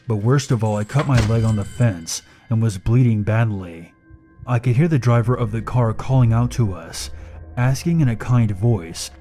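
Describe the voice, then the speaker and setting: Low, mellow male horror narrator. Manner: steady, measured storytelling. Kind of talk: scripted scary story narration.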